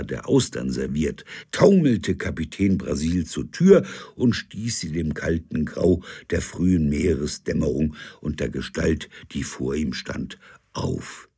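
A man narrating a comic storybook dramatically, dropping into hushed whispers. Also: very deep voice, big pitch swings, unhurried, vocal fry, breathy edge, dry recording, clean studio sound.

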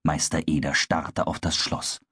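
A man narrating a children's story in a calm, measured storytelling manner. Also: extremely low pitch, husky, no room sound, clean studio sound.

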